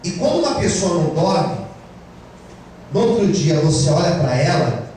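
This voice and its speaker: A man's voice: fairly high pitch, sing-song, moderate pace, darkish tone, a little hiss or hum. A Brazilian man preaching a sermon as pastor, emphatic and calling the congregation to say amen. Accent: Brazilian Portuguese. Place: church. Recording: very echoey church hall, distant mic.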